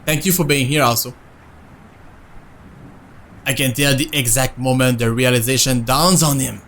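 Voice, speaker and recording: A man's voice: mid-range voice, fairly even intonation, normal speed, a bit bright, slight background noise. Man reading a game aloud. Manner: reads narration, breaks off to answer chat. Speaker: streamer. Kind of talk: reading a visual novel aloud with casual chat.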